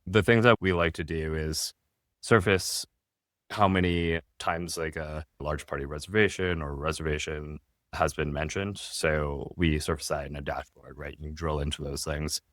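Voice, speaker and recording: Speaking at a normal pace, this male podcast guest, a founder in restaurant tech, has a rumbling low, slightly bright voice and a steady tone. His casual explanations come with small restarts and frequent "right?" tags. Studio-quality recording, no room sound.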